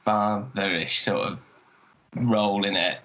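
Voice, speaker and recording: Guy with a lowish voice rambling about his life, kinda muffled lo-fi sound. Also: steady tone, unhurried, a bit bright, a little hiss or hum. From northern England. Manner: chatty, rambling with restarts. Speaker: actor, guest. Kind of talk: casual interview chat.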